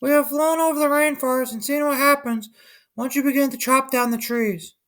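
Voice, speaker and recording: A man's voice: very high voice, fairly even intonation, a little fast, fairly bright tone, pitched above the performer's own voice. A man voicing a toucan who squawks shrilly and quacks between phrases. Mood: urgent.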